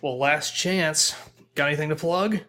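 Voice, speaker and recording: A man's voice: a little high, a little slow, bright, forceful tone. Joking male game streamer. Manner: joking, teasing interviewer. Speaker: stream host. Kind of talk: casual chat while streaming a game.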